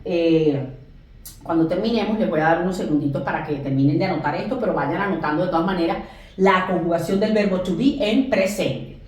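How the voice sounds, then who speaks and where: A woman teaching a class, explaining grammar at a board and slowly drawing out example phrases for emphasis. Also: on the low side, a little mellow, recorded from a distance. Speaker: English teacher. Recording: very echoey room, voice off-mic.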